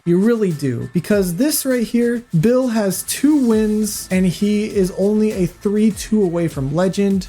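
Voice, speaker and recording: A man giving casual voice-over commentary as he ranks his own gaming clips. He thinks aloud, gets excited and repeats himself. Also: fairly high pitch. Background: faint game remix music.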